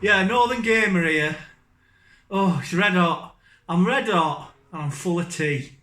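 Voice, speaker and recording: Northern English bloke, gaming YouTuber, blunt and self-mocking, high voice, ranting in a roomy space. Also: male voice, a little slow, sharp tone. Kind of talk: rambling comic rant to camera.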